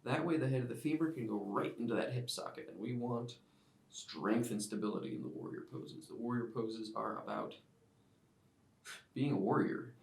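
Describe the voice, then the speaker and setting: A man teaching a yoga class, giving calm step-by-step cues timed to the breath. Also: mid-range voice, normal speed, gravelly. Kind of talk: guided yoga class instruction. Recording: roomy sound, mic at a distance.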